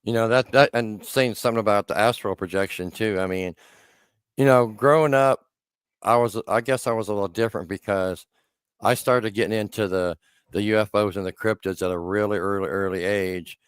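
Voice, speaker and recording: A man in his sixties hosts a casual podcast chat, his voice low and resonant. He rambles from memory to memory, breaking off and restarting his sentences, and the sound is close and dry. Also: fairly quick, clean tone, no room sound. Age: 60s. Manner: rambling, self-interrupting storyteller. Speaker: podcast host.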